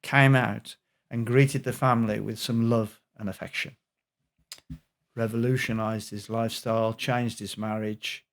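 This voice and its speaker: A middle-aged man, a health expert guest on a podcast, telling an animated anecdote. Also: fairly low pitch, a little slow. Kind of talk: storytelling in a podcast interview.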